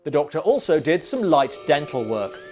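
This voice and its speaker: A man's voice: fairly high pitch, sing-song, normal speed, a little mellow, soft background music. Dry, sarcastic male film reviewer.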